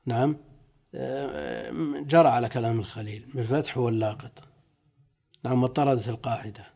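A man teaching as a sheikh. He reads out classical commentaries and explains them deliberately, drawing out key words. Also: mid-range voice, animated, vocal fry, dark tone.

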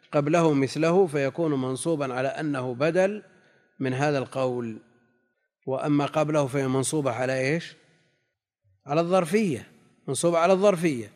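A slightly high-voiced man teaches a classical text lesson. He reads his quotes slowly and repeats the key phrases. A long hall reverb trails every word. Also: a little mellow. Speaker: religious teacher.

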